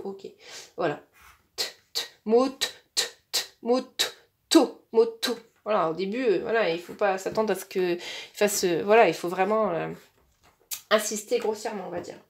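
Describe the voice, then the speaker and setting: A woman casually explaining how to teach young children to read, chatty and full of fillers, slowing down to demonstrate. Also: mid-range voice, gravelly, slight background noise. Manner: chatty with frequent fillers and repeated words; slows down and stretches words when demonstrating to a child.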